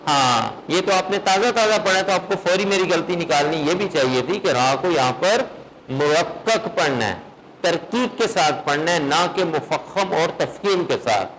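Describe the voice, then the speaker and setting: A man teaching a recitation class, quizzing his students on the rules and chanting verses slowly to show how they are read. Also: on the high side, lively intonation, fairly bright tone, slight background noise, low-quality recording. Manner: questions students, then chants verses in slow melodic recitation. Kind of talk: classroom lesson.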